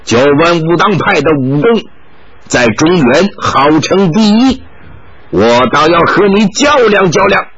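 A man voicing an arrogant foreign monk who speaks stiff, halting Chinese. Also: a little high, expressive, lo-fi sound, over a noisy crowd. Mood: boastful challenge.

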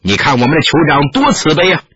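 A man's voice: a little high, wildly swooping pitch, quick pace, fairly bright tone, husky, no room sound, heavily acted. A man voicing an arrogant, bullying soldier who talks in a scornful, swaggering way, on a dull lo-fi recording. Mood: sneering.

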